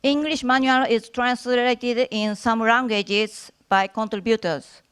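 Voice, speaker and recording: Japanese lady giving a short prepared talk, really slow and careful, clear voice. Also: fairly high pitch, steady tone, a bit bright. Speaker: conference speaker, workshop organizer. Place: conference stage.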